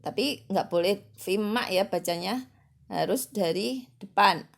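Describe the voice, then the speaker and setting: A woman's voice: medium pitch, a little slow, vocal fry. A woman teaching children to read the Quran, giving a patient lesson and stretching syllables out one by one to demonstrate them.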